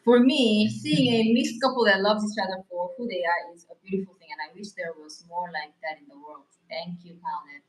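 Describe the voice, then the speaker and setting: A woman's voice: medium pitch, brisk, hardly any pauses, reverberant, rough recording. A woman whose first language is Korean, speaking in English during a casual couple Q&A and reading viewer comments earnestly. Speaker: co-host of couple channel.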